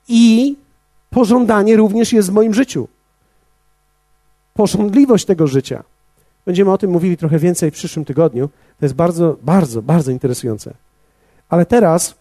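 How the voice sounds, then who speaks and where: High-voiced male pastor preaching. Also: dark tone, dry recording. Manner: measured, addresses the congregation directly. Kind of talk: sermon.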